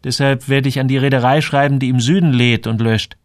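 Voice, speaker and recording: A man voicing an earnest, quick-tempered young sailor visiting home, in an audiobook. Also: medium pitch, steady tone, no room sound, studio quality, voice pushed up, close to an everyday voice. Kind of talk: audiobook character voice.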